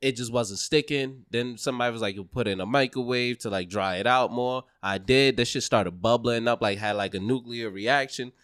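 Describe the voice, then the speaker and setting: A man's voice: mid-range voice, brisk, hardly any pauses, fairly bright tone, clean tone, no echo. Man, podcast co-host, casual slangy chat, sound effects, dry close recording.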